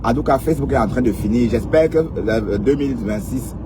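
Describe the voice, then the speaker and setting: Talking to live-stream viewers at a fairly quick pace, a man with a medium-pitched voice teases and jokes, repeating words and tacking little asides onto his lines. He's on an outdoor mic that picks up loud street noise and passing cars.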